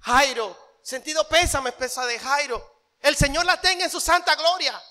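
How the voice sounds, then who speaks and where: A man's voice: very high voice, normal speed, sharp tone, voice pushed up. A man mimicking fake-pitying gossips. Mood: mock pity. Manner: mock-pitying, sing-song. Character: gossiping onlookers faking sympathy.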